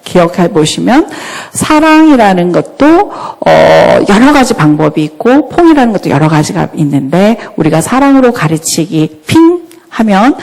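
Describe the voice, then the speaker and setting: A woman giving a church talk on parenting, lively and often asking the audience questions. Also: mid-range voice. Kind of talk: church lecture. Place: church hall. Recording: long hall reverb.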